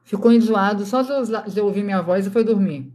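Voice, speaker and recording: A woman's voice: medium pitch, brisk, warm tone. Chatty Brazilian woman hosting a craft live. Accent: Brazilian Portuguese. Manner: chatty, addresses viewers directly, keeps voice down for sleeping kids. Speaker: craft live-stream host. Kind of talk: casual live-stream chat while crafting. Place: home at night.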